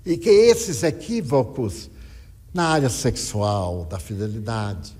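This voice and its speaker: Older male speaker, husky, dramatic lecture storytelling in an echoey hall. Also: mid-range voice, slow. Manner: dramatic, lively storyteller quoting others. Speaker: spiritist speaker.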